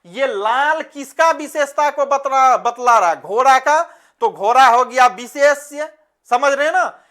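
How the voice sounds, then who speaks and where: A man's voice: extremely high pitch, animated, unhurried, sharp tone. A male teacher giving an online lesson. He asks the class questions, answers them himself and calls the students "beta".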